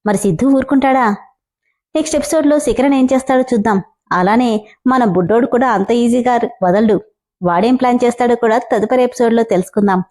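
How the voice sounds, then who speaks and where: A woman's voice: on the high side, fast talker, a little mellow. A woman narrating a serial story and chatting to her listeners about the episode. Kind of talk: reading a serial story aloud.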